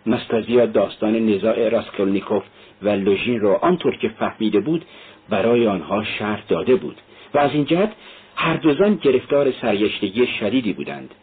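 Husky male audiobook narrator, tinny sound. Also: fairly low pitch, expressive. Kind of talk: scripted narration.

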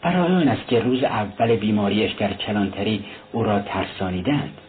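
A man's voice: lowish voice, pitched below the performer's own voice, natural voice. A man doing an earnest, worried young friend. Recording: tinny lo-fi recording, faint hiss.

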